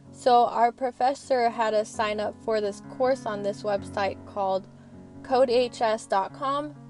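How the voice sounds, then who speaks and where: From the seat of her parked car, a student vlogger in young adulthood delivers a casual, wandering voice-over. Her voice is a little high and her manner earnest and frank, with gentle music quietly underneath.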